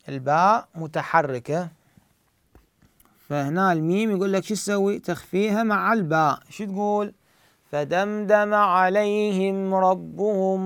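High-voiced man teaching Quran recitation. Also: gravelly, no room sound, clean studio sound. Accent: Iraqi Arabic. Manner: explains rules, then slowly drawls out recited verses. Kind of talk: tajweed lesson with recited examples.

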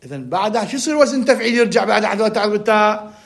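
A man with an Iraqi accent teaching an Arabic grammar lesson. He reads text slowly, asks questions and answers them himself. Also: high-pitched, animated, gravelly, a bit bright. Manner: reads text slowly, then talks fast in dialect.

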